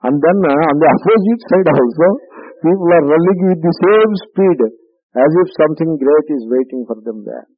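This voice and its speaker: Male spiritual lecturer, South Indian accent, slightly rough husky voice, halting and repetitive for emphasis, dry narrowband recording. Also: on the high side, expressive, dry recording. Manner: repeats phrases for emphasis, halting explanatory delivery. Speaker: spiritual teacher. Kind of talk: spiritual discourse to a class.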